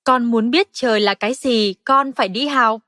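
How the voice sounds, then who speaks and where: A woman's voice: a little high, moderate pace, bright, forceful tone, dry recording, clean studio sound, big-room sound. A woman voicing a firm, caring mother frog who teaches her son a lesson.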